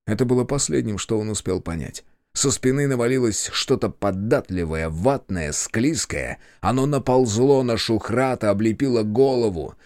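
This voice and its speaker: Expressive male narrator, low voice. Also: no echo, clean studio sound. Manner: expressive, suspenseful. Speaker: audiobook narrator. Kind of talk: dramatic horror narration.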